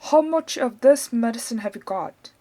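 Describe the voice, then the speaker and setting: A woman voicing an excitable, easily worked-up father who shouts loud excited exclamations. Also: fairly high pitch, normal speed, natural voice. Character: excitable small fussy father.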